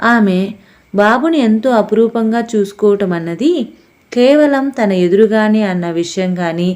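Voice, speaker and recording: A woman narrating a family audiobook story in a steady, expressive storytelling manner. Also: mid-range voice, a little slow. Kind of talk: scripted narration.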